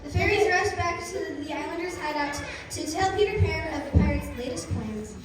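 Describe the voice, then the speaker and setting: A woman's voice: very high voice, lively intonation, moderate pace, crowd noise. A woman narrating a live stage play and coaxing the audience in an upbeat, theatrical way. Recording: very echoey hall, far from mic, noisy.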